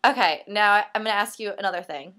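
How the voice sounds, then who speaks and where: A young woman interviewing a musician, upbeat, encouraging and quick to laugh. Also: medium pitch, sharp tone. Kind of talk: casual interview.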